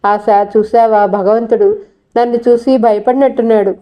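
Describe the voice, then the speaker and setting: A woman reading the part of a gravely injured young unmarried mother who speaks weakly and slowly, defiant and unafraid. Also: fairly even intonation, highs cut off, close to an everyday voice. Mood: weak, tender. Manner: weak, slow and low-voiced.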